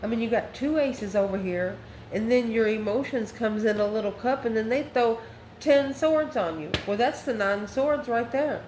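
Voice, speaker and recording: Speaking at a moderate pace in a slightly high voice, a woman who runs a channel gives her viewers an improvised tarot reading. She thinks out loud in brief, chatty phrases, and the audio carries room echo with faint noise in the background.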